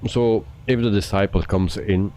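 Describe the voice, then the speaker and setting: A man with a very low, dark voice talks casually to his live-stream viewers. He keeps a relaxed, chatty pace and stops often to hesitate mid-sentence. His tone stays soft and unhurried. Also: poor audio. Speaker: flight sim livestreamer.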